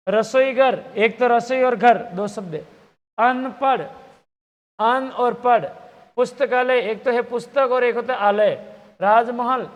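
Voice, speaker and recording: A man teaching an exam-prep grammar lesson, quizzing and repeating the answer options aloud. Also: very high voice. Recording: long hall reverb.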